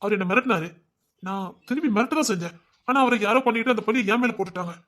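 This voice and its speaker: Male storyteller with a high-pitched voice who voices all the parts of a dramatic audio story. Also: quick pace, a bit bright. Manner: wondering, questioning, then conversational dialogue.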